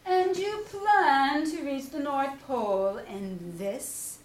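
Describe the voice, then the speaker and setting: A woman's voice: high-pitched, takes it slowly, faint music behind. A woman voicing a learned, pompous male owl from a storybook, with emphatic, pronouncing delivery. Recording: roomy, distant mic, faint background noise.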